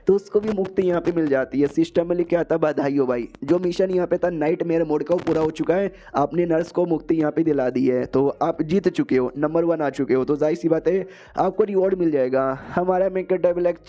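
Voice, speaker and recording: A young man narrates a manga story in a chatty, casual recap, slipping English phrases in as he goes. His voice sits a little high but sounds very mellow and dark in tone. The recording is dull and lo-fi. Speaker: manga explainer.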